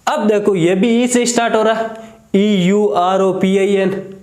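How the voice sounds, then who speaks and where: A man's voice: high voice, little pitch movement, unhurried, a little mellow, echoey room. A man teaching a grammar lesson in a Hindi accent. He asks the class a question and then repeats the answer.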